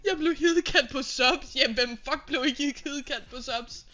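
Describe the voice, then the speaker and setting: A woman's voice: sits high, bright, forceful tone. A young woman livestreaming, overwhelmed and swearing constantly as she laughs through tears, on slightly muffled lo-fi stream audio. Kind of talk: live stream chat.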